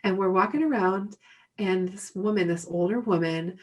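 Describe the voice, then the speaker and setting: A woman in her thirties telling her own parenting story candidly, animated and often laughing. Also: medium pitch, moderate pace. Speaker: podcast guest.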